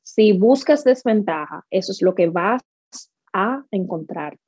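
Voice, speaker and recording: In an animated, measured voice of medium pitch, slightly mellow and a bit breathy, a Dominican-accented woman from the Dominican Republic tells stories as a guest in a conversational interview, acting out the lines she quotes. She works as a speaker and workshop leader. The sound is dry and slightly dull, with no echo.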